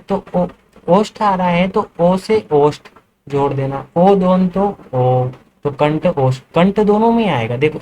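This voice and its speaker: A man with a slightly raised pitch teaches a lesson, walking through each point and posing questions that he answers himself. Faint noise sits under the voice. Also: a little mellow, low-quality recording. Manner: explains step by step, asks and answers his own questions. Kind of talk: classroom lecture.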